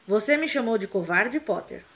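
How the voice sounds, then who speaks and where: A woman's voice: a little high, brisk, a bit bright, lightly acted. A woman voicing a cold, scornful male wizard professor who taunts his young opponent. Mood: sneering.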